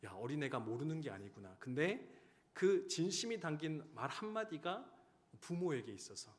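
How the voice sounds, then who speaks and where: A man in his thirties, a pastor giving a sermon, who tells stories and swings between loud urging and hushed, quiet lines. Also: fairly high pitch, sing-song, moderate pace. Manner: storytelling, swinging from loud exhortation to hushed tones. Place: church sanctuary. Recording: church hall reverb.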